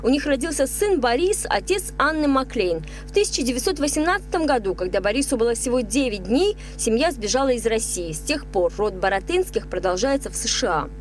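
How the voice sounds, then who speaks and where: A woman's voice: on the high side, very animated, brisk, hardly any pauses. A woman reading a scripted television news report as a reporter's voice-over.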